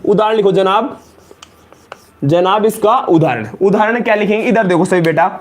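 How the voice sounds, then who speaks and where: A man with a Rajasthani Hindi accent teaching chemistry in a live class, loudly repeating each question and calling students beta and janab. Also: high voice, normal speed. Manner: loud, emphatic, drills points by repetition. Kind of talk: live online lecture in Hindi.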